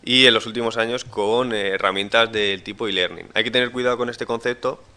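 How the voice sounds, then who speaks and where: A man's voice: mid-range voice, fairly even intonation, a little fast, bright, forceful tone, smooth. A man giving a conference talk from slides to an audience, hesitant, with many restarts and fillers. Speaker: conference speaker.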